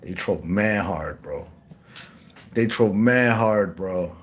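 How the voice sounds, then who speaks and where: A man chatting casually in a slangy, rambling way, with many restarts, calling the listener bro and acting out the people he quotes in a higher voice. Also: slow pace, a little hiss or hum. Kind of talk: casual chat.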